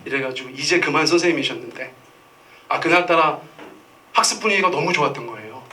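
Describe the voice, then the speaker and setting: Bright high-voiced man preaching. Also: expressive, fast talker, far from the mic. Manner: storytelling, acts out quoted voices. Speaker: pastor. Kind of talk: Sunday sermon. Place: church sanctuary.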